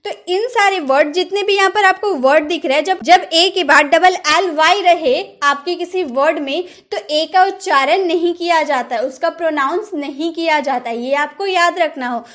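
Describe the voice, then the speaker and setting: A woman gives an English pronunciation lesson, and her voice sits very high. She says each example word slowly, then says it again, and stops often to ask the viewers questions. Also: fairly bright tone. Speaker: English teacher.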